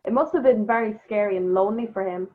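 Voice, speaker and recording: A woman's voice: mid-range voice, quick pace. A woman presenting and asking questions in a casual, chatty style over a video call. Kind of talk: casual interview chat. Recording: dull video-call audio.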